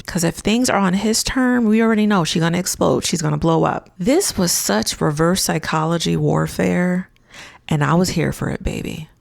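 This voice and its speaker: Gravelly-voiced woman recapping with drama. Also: lowish voice, no room sound, clean studio sound. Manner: emphatic, dramatic. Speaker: reality show recap host. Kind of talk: casual commentary vlog.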